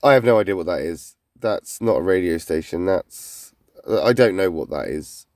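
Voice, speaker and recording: A man's voice: low voice, animated, normal speed, darkish tone, slight background noise. A man reacting to videos in casual commentary, blunt and skeptical. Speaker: micronation reviewer.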